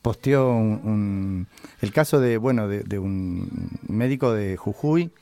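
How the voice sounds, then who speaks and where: An older Chilean musician answers interview questions casually, pausing reflectively as he searches for words. His voice is fairly low, gravelly, and mellow.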